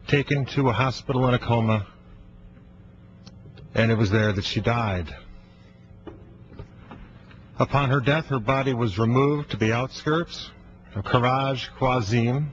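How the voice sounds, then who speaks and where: A man with an American accent gives a formal parliamentary floor speech in a solemn, measured, condemning style. His voice sits at a medium pitch. The audio is somewhat muffled, with a light layer of noise behind him. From United States. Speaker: legislator addressing the House. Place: legislative chamber.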